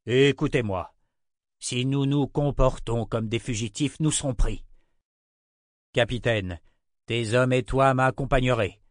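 A man voicing a steady male border guard who speaks firmly and plainly. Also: mid-range voice, measured pace, pauses often, no echo, studio quality, voice pushed up, close to an everyday voice. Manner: firm, level, commanding.

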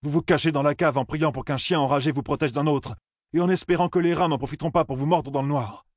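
A man reading an audiobook, voicing an earnest, forceful young village man who urges others with pleading, husky speech. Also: fairly high pitch, fast talker, no room sound, clean studio sound, voice pushed up, natural voice. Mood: urging. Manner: pleading, urgent persuasion.

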